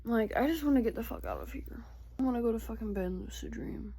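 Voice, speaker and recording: A woman's voice: fairly high pitch, wildly swooping pitch, quick pace, gravelly, mellow, a little hiss or hum. A woman vlogging casually late at night from her bedroom while eating, grumbling and swearing a lot, sometimes dropping to a whisper. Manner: profane, grumbling, drifting into whispers.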